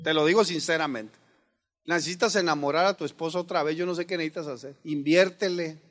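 High-voiced pastor preaching. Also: male voice, quick pace, a bit bright. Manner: earnest, addresses listeners as brothers, rhetorical questions. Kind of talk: conversational sermon.

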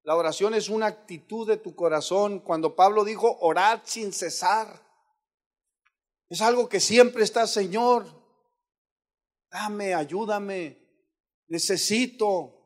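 A man preaching a sermon as pastor, swinging between rising shouts and sudden hushed asides. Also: sits high, measured pace.

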